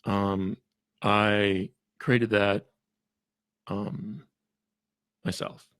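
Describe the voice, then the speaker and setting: A man's voice: fairly low pitch, little pitch movement, a bit bright, clean tone, no echo. A man, a forensic interviewer, talking casually as a podcast guest, with frequent restarts and chuckles. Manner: halting, many restarts, chuckles often.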